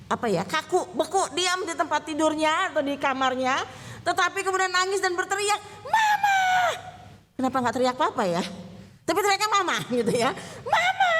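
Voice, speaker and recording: A woman's voice: high voice, fairly bright tone. A woman pastor giving a conversational sermon, chatting with the congregation, asking them questions and laughing often. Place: church. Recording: reverberant church hall.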